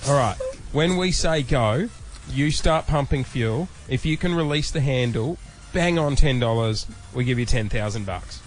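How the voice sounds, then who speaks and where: A man's voice: mid-range voice, moderate pace, faint music behind. An Australian man hosting a breakfast radio show, joking and teasing his guest in upbeat banter.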